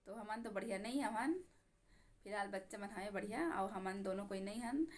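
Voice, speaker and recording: A young woman with a Chhattisgarhi accent chatting casually to her viewers, her voice hoarse from a sore throat. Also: medium pitch, moderate pace. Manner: chatty, warm greetings to friends. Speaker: vlogger.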